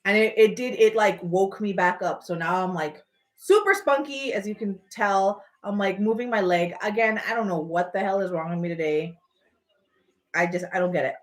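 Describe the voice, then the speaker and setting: A woman hosting a casual livestream, telling personal stories in an animated, playful, rambling way with emphatic points. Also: medium pitch, normal speed. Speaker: livestream host.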